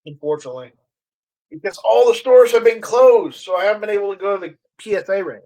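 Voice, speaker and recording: This man's fairly high voice carries a casual live stream where he mixes comment reading with relaxed chat, hesitating and repeating words often. His intonation is lively and a little mellow, captured on a rough recording.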